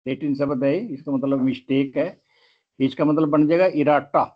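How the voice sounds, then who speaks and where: A man's voice: mid-range voice, little pitch movement, moderate pace, muffled recording. A man teaching English grammar in a lesson, spelling words out letter by letter.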